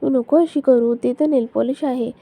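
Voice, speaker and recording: Woman reading as kind older mother-in-law, soothing, coaxing, gravelly, dark. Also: sits high, steady tone, normal speed, dry recording.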